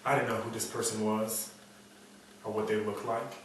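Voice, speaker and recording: A hard-boiled, world-weary detective, acted by a man mutters his bleak noir monologue in a lowish voice. He broods like a cynic telling an old story. The recording is very echoey and set back from the mic, with a little noise. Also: little pitch movement, moderate pace, fairly bright tone, natural voice. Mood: weary, brooding. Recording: echoey room, distant mic, faint noise.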